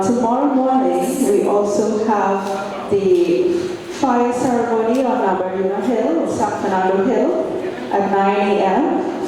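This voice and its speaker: A woman hosting a community event, making slow, deliberate announcements and inviting people forward. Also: mid-range voice. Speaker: event host. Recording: echoey hall from far off, background noise.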